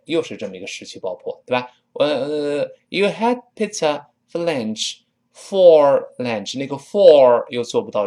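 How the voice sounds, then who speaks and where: A man teaching English pronunciation, spelling words out slowly and repeating phrases for students to copy. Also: medium pitch, a little mellow, husky. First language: Chinese. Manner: drills phrases slowly, spells letters aloud, models pronunciation. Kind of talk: spoken English pronunciation lesson.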